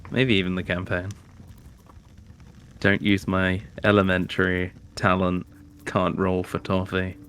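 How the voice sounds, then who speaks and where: A man's voice: sits low, completely flat delivery, unhurried, pauses often, fairly bright tone, a little hiss or hum. A man chatting casually as a tabletop game player in a wry, self-deprecating way.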